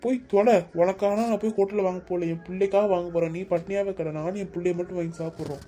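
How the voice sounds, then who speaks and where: Woman doing a stern cartoon husband, bossy, scolding, warm mellow voice. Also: fairly low pitch, fairly even intonation, fast, lightly acted. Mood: berating. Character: stern scolding husband, middle-aged man. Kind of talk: cartoon voice acting.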